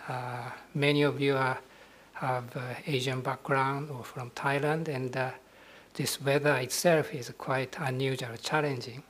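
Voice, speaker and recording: A Buddhist monk, a middle-aged Japanese man, gives a ceremonial talk in a gentle, husky, mid-range voice with a Japanese accent. His delivery is flat and soft-spoken, and he hesitates often, pausing and using fillers as he searches for words.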